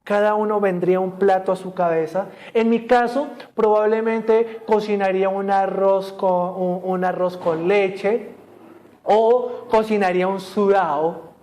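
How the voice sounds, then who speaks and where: A man's voice: high-pitched, steady tone, unhurried, a little mellow. A man preaching a sermon to a church congregation, often asking them questions and joking. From Colombia. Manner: asks the congregation questions, jokes and laughs. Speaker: pastor. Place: church service streamed online.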